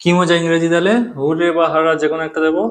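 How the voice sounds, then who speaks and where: Man, native Bengali speaker, grammar teacher, slightly raised pitch, repeats key terms, asks if students follow. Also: level tone, very fast. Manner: patient, repeats key terms, checks in with "thik ache?".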